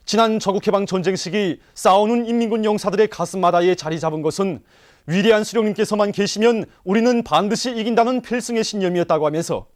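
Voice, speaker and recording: A male news announcer with a North Korean accent reads scripted narration in a high-pitched voice. His delivery is formal and solemn. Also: darkish tone.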